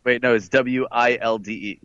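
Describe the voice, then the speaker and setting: Heard through a dull, dry internet call that drops out occasionally, a man speaks casually and loosely, leaning on fillers. He talks at a normal speed in a steady, medium-pitched, slightly bright voice, in a dry recording.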